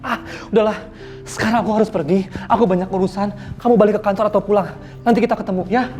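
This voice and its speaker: [name] is a young man doing a troubled, evasive boyfriend from a TV soap who pleads and snaps in quick, rushed speech. His voice has a warm, mellow tone. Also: high voice, steady tone, faint music behind, close to an everyday voice. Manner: pleading and irritable. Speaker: actor in a TV soap. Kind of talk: TV soap acting.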